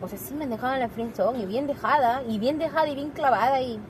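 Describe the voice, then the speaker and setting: A woman's voice: sits high, quick pace, background noise. A young woman, chatting casually with a friend, laughing often and swearing freely as she tells stories. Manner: laughing, slangy, swears freely, lively storytelling. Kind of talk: casual chat between friends.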